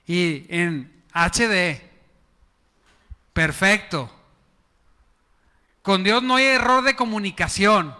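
In a large church hall, a pastor with a high-pitched, sharp voice delivers a sermon. His style is chatty and conversational, and he keeps putting questions to the congregation.

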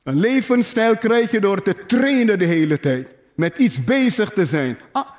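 Man, pastor, sermon, high-pitched, repetitive exhortation, playful asides. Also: animated, a little slow.

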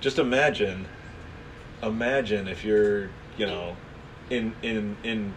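A fairly low-voiced young man trades dry, sarcastic jokes with his friends. He sounds some distance from the mic, with a faint hiss in the background. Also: slow. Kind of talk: crude casual banter.

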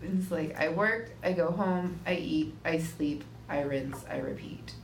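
A woman's voice: low voice, measured pace. A woman chatting casually on a podcast, telling a story in a blunt, wry way and swearing casually. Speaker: podcast co-host. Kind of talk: casual chat. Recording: roomy room, faint hiss.

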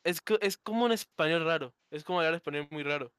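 A man's voice: fairly high pitch, fast talker, a bit bright, clean tone, no echo, clean studio sound. A man co-hosting a podcast, rambling casually and often restarting his sentences. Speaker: podcast co-host. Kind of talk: casual chat.

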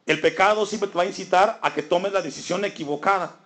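A man's voice: high-pitched, a little fast, fairly bright tone. A man preaching a sermon, asking the congregation rhetorical questions and building his emphasis. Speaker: pastor.

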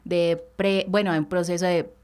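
A woman's voice: fairly low pitch, flat delivery, moderate pace, darkish tone, clear, resonant tone. A woman co-hosting a podcast, thoughtful and searching for her words. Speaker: podcast co-host. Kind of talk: casual podcast chat.

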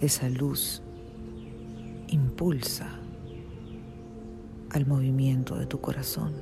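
Very slow, hushed sleep-story style meditation narrator. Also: mid-range voice, level tone, vocal fry. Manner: soothing, hushed, with long pauses. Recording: music behind the voice.

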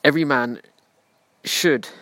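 A man's voice: mid-range voice, a little slow, bright, forceful tone, no room sound. A man hosting a self-help podcast, speaking earnestly and preachily in direct address to the listener. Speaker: podcast host.

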